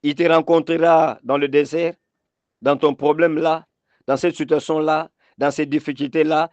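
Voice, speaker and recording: A man's voice: a little high, little pitch movement, moderate pace, darkish tone, no echo. A man pastor preaching a sermon, emphatic, repeating phrases and calling for amen.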